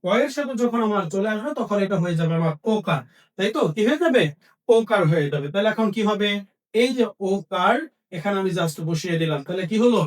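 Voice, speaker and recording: A man with a high-pitched, animated voice teaches a Bengali grammar lesson at a brisk pace, far from the mic. He asks questions, answers them himself, and repeats each key point.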